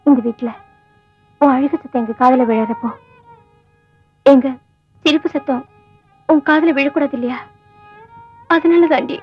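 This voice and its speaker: An anxious young village wife. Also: female voice, high voice, fairly even intonation, measured pace, pauses often. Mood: sharp. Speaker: wife in a film. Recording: dry, dull film track with music.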